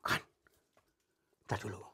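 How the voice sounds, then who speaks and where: A man exploring a cave, talking in a coaxing, soothing, often hushed way. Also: takes it slowly. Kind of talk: staged exploration vlog. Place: inside a cave.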